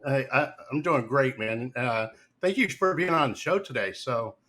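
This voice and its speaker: A man hosting a live podcast over a call, his voice bright and forward. He rambles a little, circling back with "um" and "you know" as he introduces his guest. His pitch sits in an ordinary middle range. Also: animated, moderate pace. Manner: rambling, many fillers and restarts. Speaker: podcast host. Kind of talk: casual live podcast interview.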